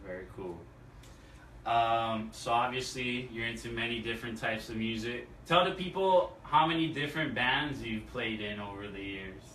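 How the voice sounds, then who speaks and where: A man's voice: medium pitch, a bit bright. A man hosting a casual hip-hop chat show, talking in laid-back slang. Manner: laid-back slang, slow delivery, laughs often. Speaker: show host. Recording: roomy far-off mic with faint noise.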